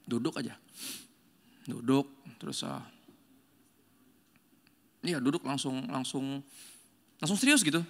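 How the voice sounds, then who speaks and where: A man's voice: medium pitch, expressive, slow pace, vocal fry, pauses often. A male pastor preaching a sermon in a joking, slangy style and acting out quotes as he tells stories.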